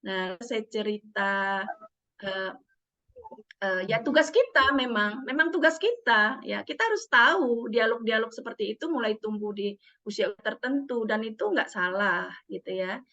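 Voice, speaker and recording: Animated middle-aged woman. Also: fairly high pitch, normal speed. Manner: animated, acts out quoted dialogue. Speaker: parenting psychologist speaking at a parents' school. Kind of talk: storytelling seminar talk. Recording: dull muffled lo-fi sound.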